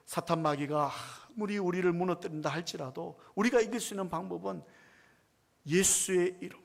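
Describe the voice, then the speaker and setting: A man's voice: high voice, moderate pace, creaky. A man preaching a sermon as pastor, emphatic and full of rhetorical questions to the congregation.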